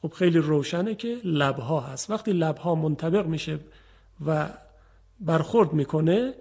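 A man's voice: a little high, darkish tone, slightly rough. A man teaching Quran recitation on a radio program, explaining patiently and speaking directly to his listeners. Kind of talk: radio lesson on tajwid.

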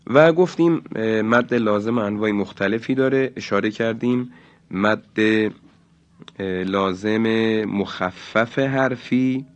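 A man teaching Quran recitation rules in a slow, deliberate lesson, stretching out example words. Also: lowish voice, highs cut off. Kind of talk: religious lesson.

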